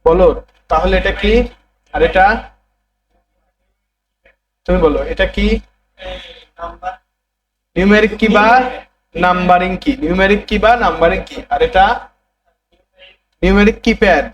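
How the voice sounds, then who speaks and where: High-voiced man drilling a computer class. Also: fairly even intonation, measured pace, pauses often, a crowd in the background, rough recording. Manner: repetitive, drilling students to answer back. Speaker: computer teacher. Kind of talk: classroom lesson.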